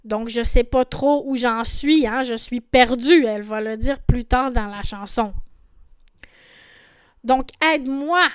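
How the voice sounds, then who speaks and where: A woman's voice: on the high side, slow, smooth, dry recording, studio quality. A woman explaining song lyrics in a patient lesson, repeating words and often adding "hein". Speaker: French teacher.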